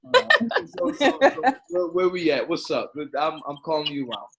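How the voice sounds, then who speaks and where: A man's voice: a little high, huge pitch swings, normal speed. Playful man hosting a panel. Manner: playful, teasing, hypes the guests. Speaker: host. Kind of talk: podcast hosting.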